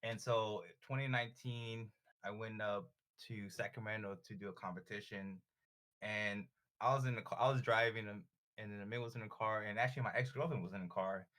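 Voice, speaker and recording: A man's voice: on the low side, fairly even intonation, brisk, a bit bright. A young man with a Californian Bay Area accent telling stories casually as a podcast guest, in slangy, sweary frat-bro talk. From born in Southern California, raised in Richmond, California. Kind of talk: casual chat and storytelling.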